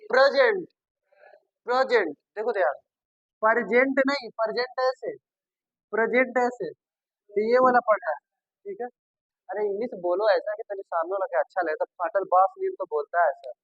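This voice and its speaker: In this grammar class, a man repeats terms over and over, addresses students as babu and sir, and asks questions only to answer them himself. He has a high-pitched, fairly bright voice, heard in a dry, lo-fi recording.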